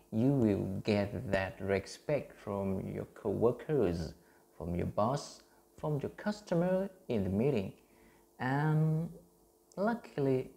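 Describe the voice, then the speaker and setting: A man in his thirties from Vietnam films himself on his phone teaching English pronunciation, earnest and heavily accented. His mid-range voice has vocal fry and a dark tone, and he often fills pauses and starts over.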